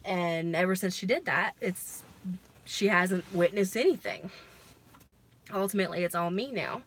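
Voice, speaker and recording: An American woman chatting casually on a livestream in a halting, conversational way with some emphasis. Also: on the low side, a bit bright, husky. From lives in Alabama, United States. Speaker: livestream host. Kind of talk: casual livestream chat about personal experiences.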